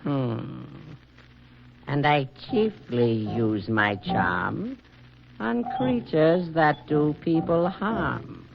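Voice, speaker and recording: An actor playing the Pied Piper, a mysterious male wanderer, speaking in a measured, courtly way in 1940s radio acting on a dull old broadcast. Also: on the high side, animated, gravelly, noisy background, exaggerated voice.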